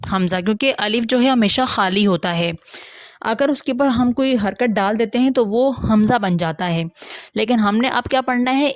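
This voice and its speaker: This woman teaches Quran reading online, explaining patiently one step at a time, putting questions to her students and carefully sounding out each letter. Her voice sits a little high, with no audible room sound.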